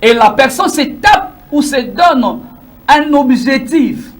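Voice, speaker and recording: High-voiced man with Congolese French accent. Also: expressive, takes it slowly. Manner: emphatic, addresses the viewer with rhetorical questions; slips into Lingala phrases. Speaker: English-learning coach. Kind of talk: motivational teaching monologue.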